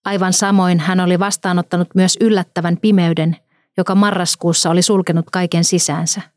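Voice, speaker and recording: A woman narrating a story in a calm, measured reading. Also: lowish voice, no room sound, studio quality.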